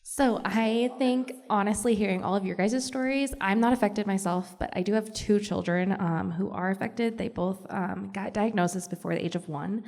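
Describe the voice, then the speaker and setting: Gravelly-voiced mother speaking with gratitude. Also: mid-range voice, moderate pace, few pauses, a little mellow. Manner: grateful, heartfelt, growing emphatic. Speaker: parent of affected children. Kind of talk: personal testimony in a group discussion. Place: conference room at a live event. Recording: long reverb of a conference hall.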